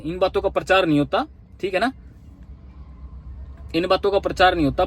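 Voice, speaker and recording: A young man giving earnest, big-brotherly relationship advice in a casual talk to the camera, acting out little dialogues as he goes. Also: sits high.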